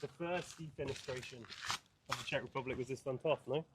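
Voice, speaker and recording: A man, a voice actor guest, trading playful quips in casual chat. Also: mid-range voice. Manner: playful, quick quips, laughing. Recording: noisy outdoor background.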